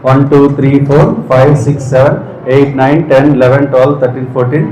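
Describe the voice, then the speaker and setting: A man teaching English speech sounds, often quizzing listeners and slowly repeating each sound. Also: medium pitch, steady tone, mellow, slight background noise. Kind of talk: spoken English phonetics lesson. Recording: echoey room.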